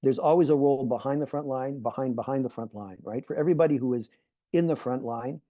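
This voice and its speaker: Quick-paced and medium-pitched, an earnest middle-aged Canadian man speaks in a dry recording. He's a peace activist on an online panel, heard through a muffled video call, who repeats phrases as he develops his points.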